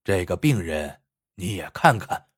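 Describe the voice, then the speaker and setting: A man voicing an old master healer who speaks slowly and deliberately in a spoken story. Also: low voice, very animated, husky, pitched below the performer's own voice, heavily acted. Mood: measured. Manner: slow, deliberate.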